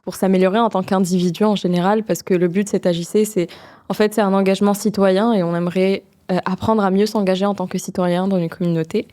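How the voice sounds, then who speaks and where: Young woman, mellow voice. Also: mid-range voice. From Montréal, Canada. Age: 20s. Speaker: student. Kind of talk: interview answers.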